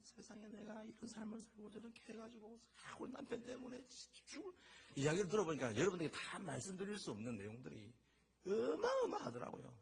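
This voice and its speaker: A middle-aged pastor delivers a sermon with a fairly high voice. His pitch swoops widely as he tells stories with lively energy, and he acts out the voices he quotes. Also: vocal fry.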